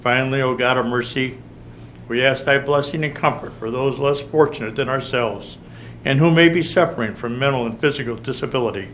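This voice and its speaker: A man serving as city chaplain, leading a prayer in a measured, solemn way at a council meeting. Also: mid-range voice, a bit bright, a little hiss or hum. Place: council chamber.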